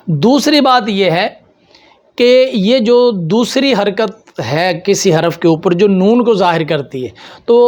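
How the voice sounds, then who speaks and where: A man with a Pakistani Urdu accent giving a patient lesson on reading rules, repeating examples slowly and answering his own questions. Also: sits high. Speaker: teacher.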